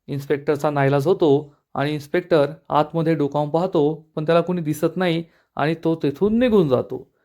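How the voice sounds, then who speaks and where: A man retelling a TV serial episode in a brisk, plain storytelling narration. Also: fairly high pitch, a little mellow.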